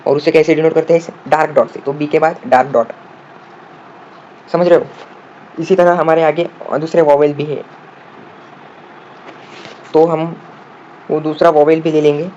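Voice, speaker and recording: A man explains shorthand step by step, asking the viewer questions and answering them himself, sometimes spelling words out slowly. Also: fairly high pitch, fairly even intonation, darkish tone. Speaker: shorthand teacher. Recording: dull lo-fi audio with faint room noise.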